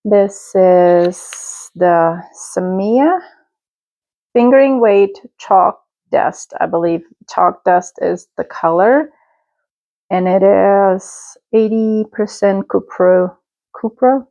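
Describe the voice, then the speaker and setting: Speaking slowly and without hurry, a Czech-speaking European woman hosts a knitting podcast in a casual show-and-tell style, correcting herself a little here and there. Her mid-range voice is gravelly and dark. The lo-fi recording is dry and slightly dull, with no room sound.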